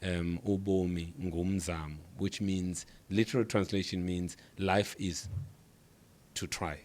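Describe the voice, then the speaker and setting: Middle-aged South African guest, lowish voice, measured delivery with emphatic repetition. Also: male voice, fairly even intonation, a little mellow. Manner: measured, drives points home by repeating phrases. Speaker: podcast guest. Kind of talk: reflective interview talk.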